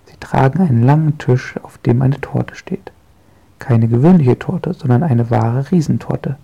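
Gravelly male storybook narrator. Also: medium pitch, unhurried, highs cut off. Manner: gentle, lively storytelling. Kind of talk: children's audiobook narration.

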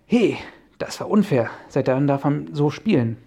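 A cheeky teenage boy protests and argues his point with a grin, as a man reads him in an audiobook. The voice is dark and gravelly, pushed a little louder than plain narration. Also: a little high, lively intonation, a little slow, exaggerated voice. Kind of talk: audiobook character voice.

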